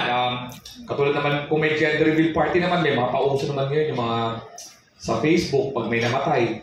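A Filipino man doing live stand-up comedy, animated and acting out quoted voices. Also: far from the mic, slight background noise. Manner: animated, acts out quoted voices in a high pitch. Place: comedy stage before a live audience. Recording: echoey live venue miked from afar, audience laughter.

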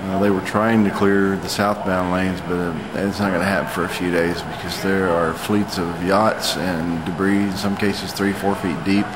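A man in his forties talks in a low, flat voice, recounting what he saw as a storm chaser. His delivery is halting and matter-of-fact, like an off-the-cuff vlog. It is recorded indoors with clear background noise. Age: 40s. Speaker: storm chaser giving an eyewitness report. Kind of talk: unscripted vlog account. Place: hotel lobby, indoors.

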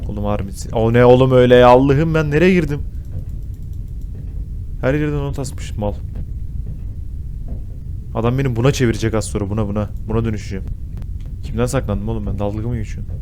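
A young man giving casual horror game commentary, swearing a lot and yelping and shouting when he gets startled. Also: mid-range voice, brisk, pauses often, a little hiss or hum. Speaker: gaming YouTuber.

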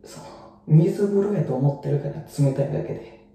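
In a very echoey bathroom, a young man with a Kansai accent sits shivering in ice-cold water. His voice is very muted and dark, picked up from a distance, and he talks casually in halting, gasping bursts. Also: fairly high pitch. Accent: Kansai Japanese. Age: young adult. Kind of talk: casual vlog chat. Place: small tiled bathroom, sitting in bathtub. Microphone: camera a metre or two away.

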